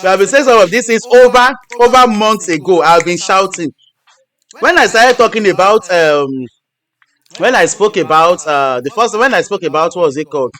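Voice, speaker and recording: Man, high voice, repetitive step-by-step host talk. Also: expressive, moderate pace, a bit bright. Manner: repetitive, restarts phrases. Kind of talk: live-stream teaching.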